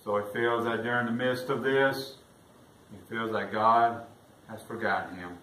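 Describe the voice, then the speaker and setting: A pastor delivers a sermon in an echoey church, his voice steady and measured, picked up from a distant mic. When he reads scripture aloud, he swells louder and higher. The recording has a roomy echo, his voice is off-mic, and faint room noise sits underneath.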